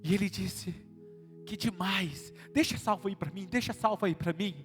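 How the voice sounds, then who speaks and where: A Brazilian pastor with a high-pitched voice delivers a sermon to a church congregation, talking to them like in a conversation and asking them questions directly. Loud music plays under his voice the whole time. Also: normal speed, big-room sound. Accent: Brazilian Portuguese. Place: church service before a live congregation.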